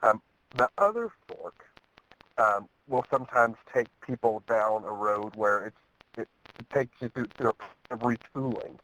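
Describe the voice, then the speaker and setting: A man speaking on a video call, halting and full of fillers, while his call audio keeps breaking up from a weak signal. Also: mid-range voice, pushed and bright, rough recording. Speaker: webinar presenter. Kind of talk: casual talk on a video call.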